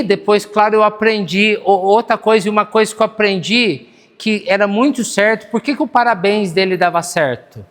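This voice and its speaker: A high-pitched man with a Brazilian accent delivers an earnest, conversational sermon, often turning to ask if the congregation is with him. His voice rings out with a long church-hall reverb. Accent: Brazilian Portuguese. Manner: earnest, conversational preaching with audience check-ins. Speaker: pastor.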